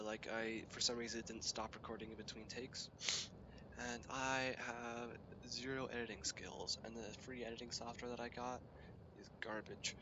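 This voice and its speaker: A young man with a cold sounds sniffly and stuffy as he hosts a gaming channel, casually commenting on a space game in a rambling, hesitant way full of fillers. His voice is fairly low-pitched. The highs are cut off and the background is noisy.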